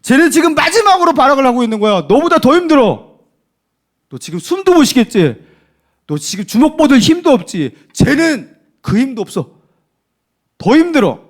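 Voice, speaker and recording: A man's voice: sits high, sing-song, warm tone. A man playing a pushy boxing coach. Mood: urgent. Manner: pushy, rapid-fire rhetorical questions. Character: gruff boxing coach urging on a tired fighter.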